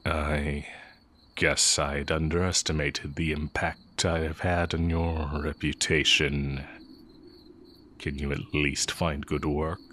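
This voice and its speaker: Voicing the same exiled heretic mage who once taught magic, a man uses a very low, level, slightly bright tone over slight background noise. His full character voice moves slowly, with long deliberate pauses, sly, brooding, tender and close in a fantasy roleplay style, as he sounds curious and probing.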